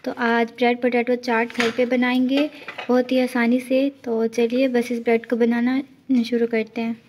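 A woman hosting her home cooking channel, explaining each step in a steady voice-over. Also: on the high side, normal speed, slight background noise. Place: home kitchen.

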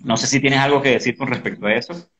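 A man in his early fifties hosts a casual online interview over a video call from a room at home, speaking haltingly and often repeating words with the device close in front of him. His medium-pitched voice is steady with a fairly bright tone.

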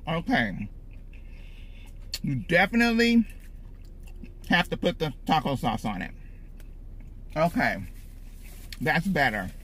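A man's voice: a little high, slow, pauses often. A man reviewing food in a casual vlog, talking to viewers while chewing with his mouth full. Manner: relaxed, talks to viewers, laughs between bites.

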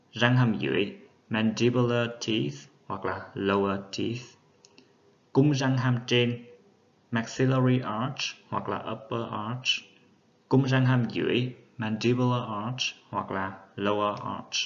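A man's voice: medium pitch, vocal fry. A man giving a methodical, patient lecture on dental terminology, spelling out each term step by step. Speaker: dental instructor. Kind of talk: explanatory lecture. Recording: dull lo-fi recording.

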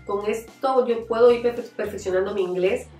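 A woman's voice: mid-range voice, normal speed, warm tone. A middle-aged woman, a mother giving heartfelt, reflective interview testimony with frequent restarts. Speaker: mother of a former camp participant. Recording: echoey room, mic at a distance, faint music.

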